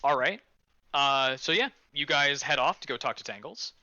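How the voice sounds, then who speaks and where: An animated man runs a tabletop game as game master, improvising his narration with amusement. His voice is very forceful and swings lively in pitch. The mic is dry and slightly band-limited. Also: normal speed, no echo, highs cut off.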